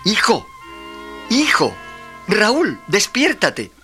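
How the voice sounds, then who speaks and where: A man's voice: fairly high pitch, lively intonation, normal speed, music in the background, close to an everyday voice. A man playing a firm, cautious father, stern but patient, in a children's audio drama. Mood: rousing.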